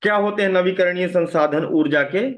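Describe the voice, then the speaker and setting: A man lecturing a class in a fairly high voice. He keeps checking in with his students, firing questions at them and tagging his sentences with a quick "right?". His voice sits a little above most men's. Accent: Hindi. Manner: asks the class questions and repeats "है ना" often. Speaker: teacher.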